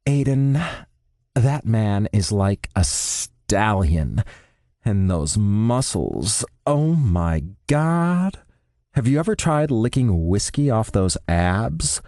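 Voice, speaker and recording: A man's voice: fairly low pitch, wildly swooping pitch, drawn-out words, gravelly, few pauses, darkish tone, no room sound, studio quality, exaggerated voice. A man putting on a chirpy, gushing young woman.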